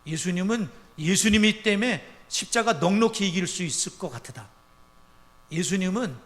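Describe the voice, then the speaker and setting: A male pastor preaching a sermon in a church, with emphatic loud rises and quiet drops. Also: sits high. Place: church sanctuary. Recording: church sanctuary with long reverb.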